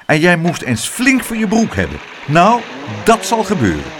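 A man reading aloud and voicing a stern, gruff grown-up weatherman who snaps and scolds, in a children's storybook. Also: sits high, huge pitch swings, moderate pace, a bit bright, slight background noise, pitched above the performer's own voice, heavily acted. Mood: scolding.

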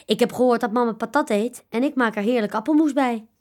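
A woman voicing a kindly old grandfather in a children's story, gentle and homely. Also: a little high, fast talker, close to an everyday voice. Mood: cheerful. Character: kindly grandfather cooking at home.

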